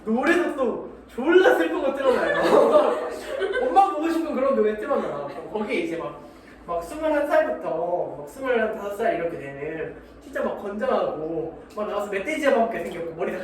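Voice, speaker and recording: Animated male teacher in an echoey classroom. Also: sits high, fairly quick, crowd noise. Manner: animated, joking, acts out little scenes; slangy, keeps checking understanding. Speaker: math teacher. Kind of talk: classroom lecture. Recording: echoey room from far off, noisy.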